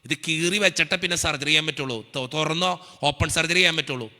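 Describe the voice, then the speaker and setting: A young Malayali priest preaches at a rapid clip, his voice bright and cutting as he tells a story from his own life. He plays out every exchange with earnest feeling. His words ring out with a long reverb, as in a church hall. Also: a little high. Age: young adult. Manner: earnest storytelling, acts out dialogue. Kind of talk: emotional sermon testimony.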